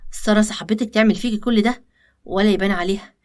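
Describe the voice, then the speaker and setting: Egyptian guy talking his girl down, woman voicing, cautious, fast. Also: medium pitch, lightly acted. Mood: calming. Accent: Egyptian Arabic. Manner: reassuring, practical. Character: cautious young man, calming his partner.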